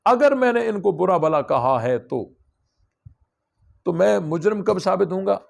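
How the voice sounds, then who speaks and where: A male religious teacher gives a classroom lesson, working through a scripture point by point. His voice is strongly gravelly and sits somewhat high. He keeps turning to his students with questions to check they follow. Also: expressive. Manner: explains step by step, asks students questions.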